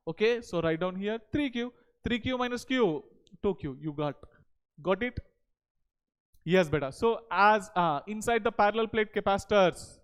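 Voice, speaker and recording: A man's voice: high-pitched, clean tone. A man in his thirties with an Indian accent, lecturing at a board as a teacher and often checking in with short questions and tag words. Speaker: physics teacher. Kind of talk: board lecture to exam students. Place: indoor teaching studio at a digital board. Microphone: headset.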